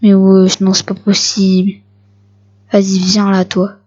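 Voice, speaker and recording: A woman giving casual gameplay commentary for her video channel, excitable and repeating short phrases at the game. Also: mid-range voice, a little slow, highs cut off. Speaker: gaming video creator.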